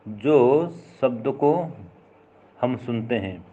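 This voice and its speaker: A man's voice: mid-range voice, drawn-out words. Man, patient teacher, explains a classical text, repeats each point with examples, slightly dull lo-fi sound. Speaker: philosophy teacher.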